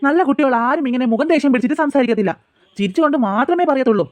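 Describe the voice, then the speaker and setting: A teasing, good-humoured cartoon father, pitched high for a man and talking in quick, breezy runs. He chides his daughters fondly and jokes with his wife. The sound is close and dry. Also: lively intonation, darkish tone, no echo. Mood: coaxing. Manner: fond, chiding, joking. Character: cheerful middle-aged father, gently teasing, calm. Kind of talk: cartoon voice acting.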